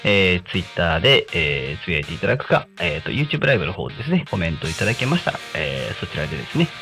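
A man with a low voice hosts a casual local radio show. His delivery is polite and a little halting, with an apologetic, deferential way of addressing listeners, and it swings widely in pitch. Guitar music plays behind him. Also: very animated, gravelly, bright, forceful tone. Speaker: radio host. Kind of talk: casual community radio hosting, talking to listeners.

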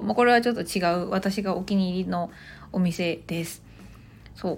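A woman in her thirties hosting a casual spoken English lesson, explaining slowly and chattily with many small fillers. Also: mid-range voice, slight background noise. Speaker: English teacher and podcast host.

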